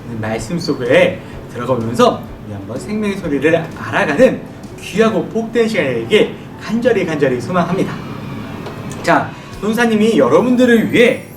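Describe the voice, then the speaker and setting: A man preaches to children in a high voice that swings up and down. He keeps asking the kids questions and answers them himself. The recording sounds roomy and distant, with a low rumble behind it. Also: sing-song, normal speed, over music. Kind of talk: children's sermon. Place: church worship room. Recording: echoey room from far off, noisy.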